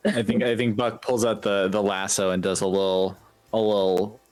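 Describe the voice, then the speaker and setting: A man's voice: fairly low pitch, little pitch movement, moderate pace, no echo. A man playing a tabletop game who talks in a hesitant, rambling way. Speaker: player. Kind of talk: tabletop role-play chat.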